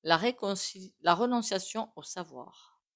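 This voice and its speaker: A woman's voice: mid-range voice, lively intonation, moderate pace, gravelly, fairly bright tone. A woman doing a casual tarot reading, chatty and full of asides to her viewers. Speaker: tarot reader.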